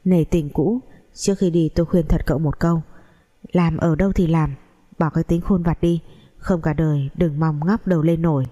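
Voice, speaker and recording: A woman's voice: sits low, steady tone, normal speed, mellow. A woman voicing a young male company boss with a curt, stern way of talking. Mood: angry.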